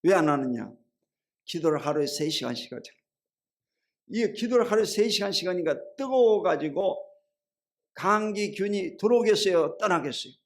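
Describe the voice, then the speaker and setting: A middle-aged man preaches a sermon in a gravelly voice that sits a little high. He keeps asking the congregation rhetorical questions and calling for amens, and he tells everyday stories in a chatty way that swings between loud and low. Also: animated, moderate pace. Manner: colloquial storytelling, shifts between loud and low. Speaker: pastor.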